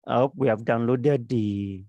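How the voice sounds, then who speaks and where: Male online instructor, sore throat, slow delivery full of fillers, gravelly voice. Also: mid-range voice, dark tone, no echo, dull audio. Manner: slow, halting, many fillers. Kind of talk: live online class lecture. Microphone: computer mic on a video call.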